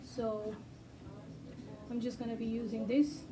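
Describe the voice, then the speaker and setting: While drawing, she talks hesitantly in English, which isn't her first language, with many ums and self-deprecating comments in a loose vlog style. Her fairly high voice has a flat delivery, recorded from afar with music behind it.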